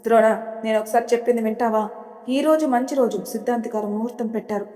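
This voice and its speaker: A woman's voice: fairly high pitch, fast, mellow, natural voice. A stern old grandfather, as a woman puts him on, the commanding head of a storybook household. He lays down the law firmly. A long hall reverb trails behind. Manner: firm, commanding.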